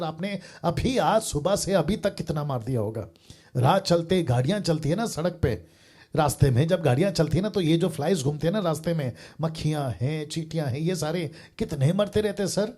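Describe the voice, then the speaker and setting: Man, preacher, earnest, raised pitch, mellow husky voice, live call-in talk. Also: lively intonation, moderate pace. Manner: earnest, reasoning by everyday examples, repeats "sir".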